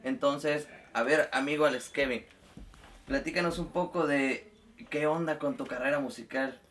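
A man's voice: on the high side, normal speed, a bit bright. Upbeat man hosting. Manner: friendly, upbeat greeting. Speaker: host. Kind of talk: casual interview hosting.

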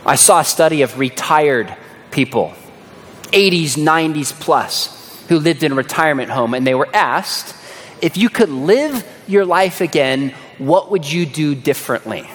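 Animated preacher in an echoey hall. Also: male voice, a little high, measured pace. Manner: dramatic storyteller, dropping to a hush on key words. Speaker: pastor. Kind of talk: sermon.

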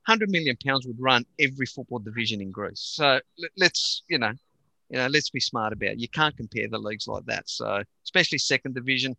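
An Australian-raised man talking football in a lively panel chat, emphatic and animated. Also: mid-range voice, fairly quick, gravelly, no echo, rough recording. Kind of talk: casual sports chat.

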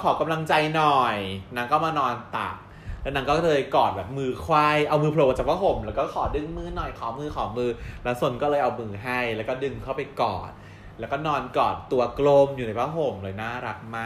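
Co-hosting a relaxed recap of a drama series, a mid-pitched man talks briskly, acting out quoted lines, telling the story with energy and laughing a lot. The room is echoey and roomy, with faint ambience and a little hiss or hum.

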